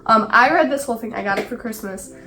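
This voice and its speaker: A woman's voice: a little high, quick pace, over music. Stuffed-up woman chatting about books. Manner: chatty, lots of "like" fillers. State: sick and stuffed up. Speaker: book vlogger. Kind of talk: casual vlog chat. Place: her small home library.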